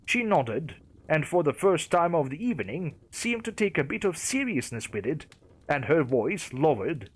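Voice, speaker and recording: A man's voice: fairly high pitch, big pitch swings, moderate pace, husky. Wry male creepypasta narrator. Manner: wry, storytelling.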